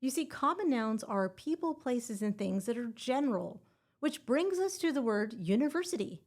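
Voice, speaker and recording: A woman's voice: on the high side, sing-song, moderate pace, darkish tone. A woman hosting a scripted exam-prep podcast and teaching grammar in a playful, upbeat way with puns.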